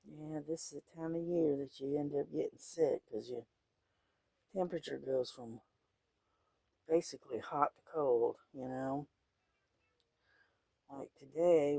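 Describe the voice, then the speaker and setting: A middle-aged man with a wheezy, congested, breathy rasp, chatting casually and haltingly in an unhurried, folksy way while he paints. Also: mid-range voice, dark tone, no echo. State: congested, wheezing, clearing throat often. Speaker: painting vlogger.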